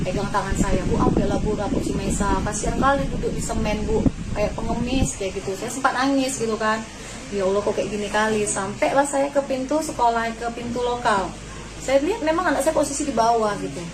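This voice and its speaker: A woman's voice: on the high side, fairly quick. A woman, a pupil's mother, telling an interviewer what happened at her child's school, indignant and acting out what each person said. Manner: indignant, quotes others in dialogue. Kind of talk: emotional interview account. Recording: noisy background ambience.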